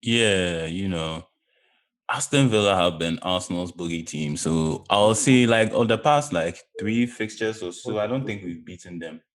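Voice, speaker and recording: A man's voice: low voice, unhurried. A man chatting casually about football as a panelist, emphatic and repeating phrases for effect.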